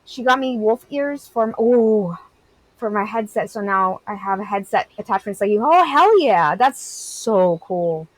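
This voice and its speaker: Woman streamer, 30s, mid-pitched, candid and rambly, dry close sound. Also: animated, a little slow, no echo, rough recording. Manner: candid, rambling, heavy use of "like". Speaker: game streamer. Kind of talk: casual chat, reading and answering live chat.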